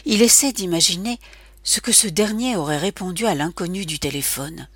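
A woman narrating a literary audiobook in a measured, even storytelling manner on a close microphone. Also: on the low side, breathy edge, no room sound.

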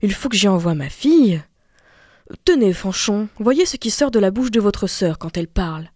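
A woman voicing a scheming peasant mother with a shrill, exclaiming manner, in a fairy-tale reading. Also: lively intonation, moderate pace, darkish tone, dry recording, clean studio sound, close to an everyday voice. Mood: coaxing.

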